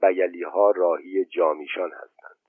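A man narrating an audiobook in a measured, steady storytelling manner, on a tinny, narrow-band recording. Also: deep voice, dry recording.

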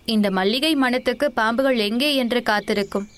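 A woman voicing a calm, cryptic old monk. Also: fairly high pitch, brisk, close to an everyday voice. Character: tall stern Buddhist monk, calm and cryptic.

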